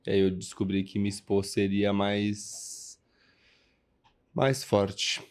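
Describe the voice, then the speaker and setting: Low, flat-voiced flamboyant man. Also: slow pace. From São Paulo, Brazil. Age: 30s. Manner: flamboyant, candid storyteller. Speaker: guest, performer. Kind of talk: casual interview.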